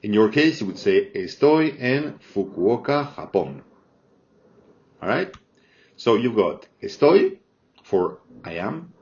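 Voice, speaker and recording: A man teaches a grammar lesson at an unhurried, careful pace, checking in with his listeners after each point. His voice sits at an ordinary middle pitch. The recording is dull and a little lo-fi. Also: big pitch swings, a little mellow. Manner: slow, patient, checks in with "all right?" often. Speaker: Spanish teacher. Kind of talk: language lesson explaining grammar. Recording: dull lo-fi sound.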